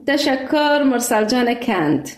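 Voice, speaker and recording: A woman's voice: on the high side, sing-song, roomy sound. A woman hosting a call-in radio show, chatting cheerfully with a caller and laughing often. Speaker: radio host.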